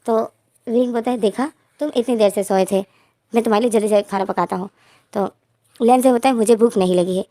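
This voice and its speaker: A woman's voice: on the high side, fairly quick, warm tone. A woman casually narrating a fan fiction story, voicing both characters' lines in her own voice.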